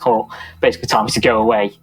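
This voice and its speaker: A middle-aged man, a police officer recounting a night shift in a documentary interview, in a steady, matter-of-fact way. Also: fairly low pitch, rapid-fire, breathy edge, low-quality recording.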